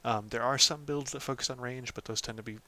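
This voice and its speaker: Bright-voiced man walking through a game build. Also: mid-range voice, fast. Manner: relaxed, lots of ums and "of course". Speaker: gaming channel host. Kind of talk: casual game guide walkthrough.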